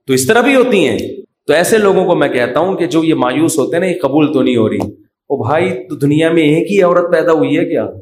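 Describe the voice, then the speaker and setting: A man giving a religious lecture, joking and throwing rhetorical questions at his listeners. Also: on the high side. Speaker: Islamic scholar giving a talk. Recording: echoey room.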